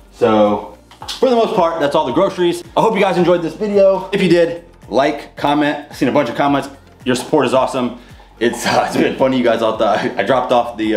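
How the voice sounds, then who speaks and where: Showing his groceries to the camera, a young man who runs a fitness vlog rambles loosely from his home kitchen, filling his speech with "uh" and "like." His voice sits in the mid range, and the roomy space carries clear background noise.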